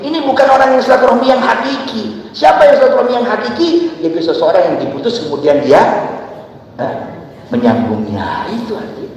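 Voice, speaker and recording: A man preaching a dawn sermon to a gathering, switching between loud emphatic bursts and soft asides and asking the crowd questions. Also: very high voice. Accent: Indonesian. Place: large hall with long reverb. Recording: echoey hall, voice from far off.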